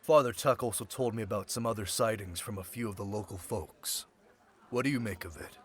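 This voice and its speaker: This audio roleplay drama features a man playing a centuries-old, sly former thief who now works in security. His voice is low-ish, brisk and close to everyday speech, teasing and casual in manner but businesslike and confiding in mood. Loud crowd chatter runs behind him.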